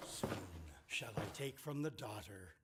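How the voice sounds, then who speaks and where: A man's voice: medium pitch, lively intonation, unhurried, creaky, very noisy. A man voicing a scheming, treacherous male priest who speaks pompously and mock-piously, in a comedy fan dub. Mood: smug.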